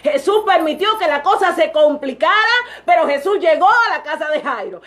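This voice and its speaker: A woman's voice: very high-pitched, a bit bright. A woman preaching a sermon, fervent and breaking into exclamations of praise between phrases.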